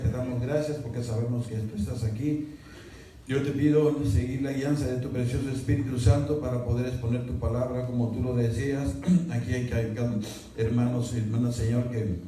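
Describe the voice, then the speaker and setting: A pastor preaching an emphatic, slow sermon and praying aloud to his congregation. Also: medium pitch, warm tone, a little hiss or hum. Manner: prayerful, slow and emphatic, acts out quoted voices. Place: church sanctuary. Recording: very echoey church hall from far off.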